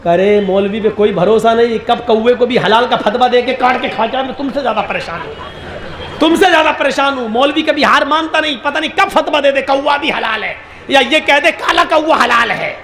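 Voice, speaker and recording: A man doing a gruff, snappish crow. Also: very high voice, normal speed, fairly bright tone, a little hiss or hum. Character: grumpy, worried trapped crow, male.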